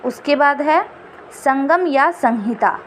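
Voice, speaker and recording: A woman teaching an exam-prep lesson, repeating each definition slowly. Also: sits high, slight background noise.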